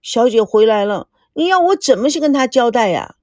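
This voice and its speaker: A woman's voice: a little high, big pitch swings, brisk, darkish tone, no echo. A woman voicing an earnest young maid who fusses and pleads. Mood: pleading. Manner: pleading, fussing.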